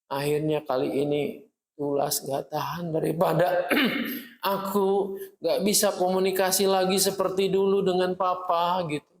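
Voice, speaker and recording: A man giving a devotional, telling a story lively and acting out the dialogue of the characters. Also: sits high, measured pace. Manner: animated storyteller, acts out dialogue. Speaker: preacher. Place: church hall. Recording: echoey hall, long reverb.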